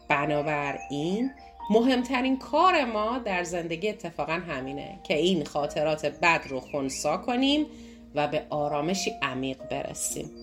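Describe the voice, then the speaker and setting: A woman teaches a self-help course with lively energy, often asking a question and answering it herself. Her voice sits a little low, and clear background music plays beneath it throughout. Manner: animated, asks and answers own questions. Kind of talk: motivational lesson talk.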